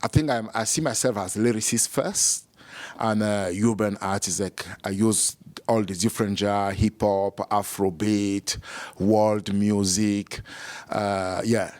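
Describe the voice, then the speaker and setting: A man from Cameroon, a guest musician, answering interview questions haltingly with many fillers and restarts. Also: lowish voice, fairly even intonation, darkish tone, dry recording.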